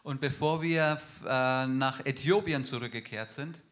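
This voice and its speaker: A man interpreting a speaker line by line at a church, fluent and quick. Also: medium pitch, fairly bright tone. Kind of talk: live consecutive interpreting in a church.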